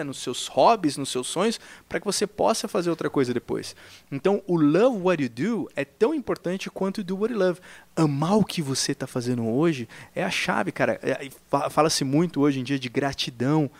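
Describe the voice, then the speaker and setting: Gravelly, lively Brazilian-Portuguese man chatting. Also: fairly high pitch, no room sound. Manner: animated, reenacts conversations, says "cara" often. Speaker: podcast co-host telling his work story. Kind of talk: casual chat.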